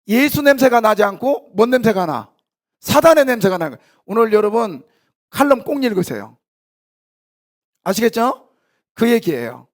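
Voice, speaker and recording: In a church sanctuary, a pastor delivers a conversational sermon with a live demonstration, his voice sitting high. He's animated, trading casual, half-informal banter with the congregation and firing questions straight at them as he acts out a scene.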